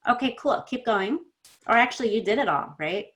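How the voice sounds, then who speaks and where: A woman coaching pronunciation in an online lesson, correcting students and modelling sounds slowly and encouragingly. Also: on the high side, animated, fairly bright tone. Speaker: accent coach.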